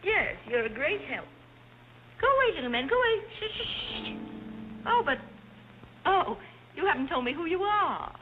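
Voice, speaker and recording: A woman's voice: high-pitched, sing-song, normal speed, slight background noise. An actress playing a dazed, childlike society lady, plaintive and wandering through dreamy 1930s screwball comedy banter. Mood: fluttery, dreamy. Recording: thin tinny old film soundtrack, music behind.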